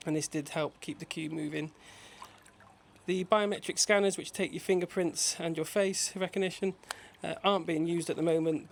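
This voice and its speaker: A man's voice: on the high side, slight background noise. A man narrating a casual travel vlog to viewers. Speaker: travel vlogger.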